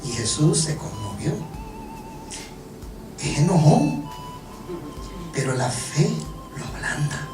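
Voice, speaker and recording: A preacher giving a joking, animated sermon, often stumbling over repeated words. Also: mid-range voice. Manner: animated, joking, halting restarts. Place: church hall. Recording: echoey room from far off, music behind.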